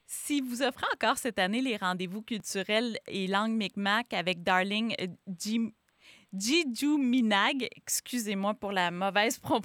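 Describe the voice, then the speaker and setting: A Quebec French woman hosts a radio interview, reading her introduction smoothly before slipping into conversational questions. The sound is dry and close, with no room echo. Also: mid-range voice, moderate pace, few pauses, a bit bright. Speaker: radio host.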